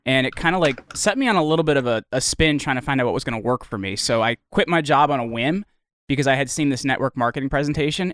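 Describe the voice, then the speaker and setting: A man's voice: medium pitch, fairly bright tone, smooth, no room sound, clean studio sound. A man with a New Jersey accent, a guest chatting casually on a video call interview, laughing easily. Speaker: podcast guest.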